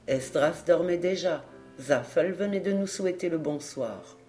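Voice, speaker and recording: Brief: measured, solemn reader of a classic novel, faint background music. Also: medium pitch, a little mellow. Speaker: audiobook reader. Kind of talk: literary audiobook narration.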